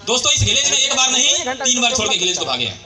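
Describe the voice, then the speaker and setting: At a sales meeting in a hall, a motivational speaker with a very high-pitched, very fast voice tells stories to a live audience. He is animated, acts out quoted dialogue, and calls out to the crowd.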